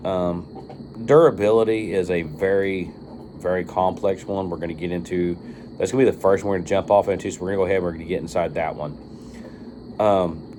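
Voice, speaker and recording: Speaking low and mellow, a firearm optics reviewer addresses viewers in a casual, unscripted monologue that wanders and includes some cursing. Slight background noise can be heard.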